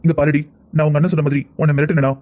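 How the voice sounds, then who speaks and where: Fast-talking man in cartoon drama. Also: on the high side, flat delivery, darkish tone. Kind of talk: Tamil cartoon voice acting.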